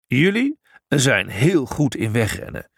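Man as a jovial mighty hero in a storybook; hearty, teasing, gravelly edge. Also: mid-range voice, sing-song, slow pace, no echo, clean studio sound, full character voice. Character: mighty, jovial male demigod hero, booming laugh. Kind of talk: audiobook character voice.

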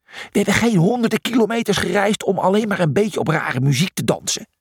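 A man's voice: high-pitched, animated, fairly quick, gravelly, husky, no echo, clean studio sound, voice pushed up, exaggerated voice. A man voicing a cocky, reckless young male donkey who talks boldly and impatiently. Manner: bold, impatient.

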